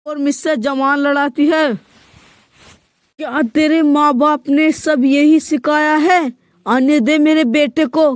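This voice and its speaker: A woman voicing a nagging, shouty old mother-in-law in a comedy skit. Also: high voice, dry recording, clean studio sound. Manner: loud, nagging, scolding.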